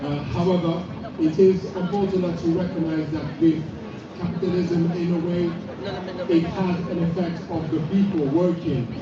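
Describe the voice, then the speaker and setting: A man's voice: fairly high pitch, steady tone, moderate pace, background noise. Hesitant Congolese-born man at a rally. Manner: hesitant, many fillers and restarts. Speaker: rally speaker. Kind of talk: speech at an outdoor rally. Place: street protest outdoors. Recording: echoey, distant, muffled outdoor PA sound.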